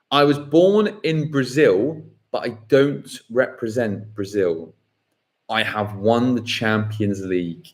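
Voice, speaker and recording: A quiz host runs a live football quiz, his pitch rising and falling as he speaks. He reads every question slowly, then says it again.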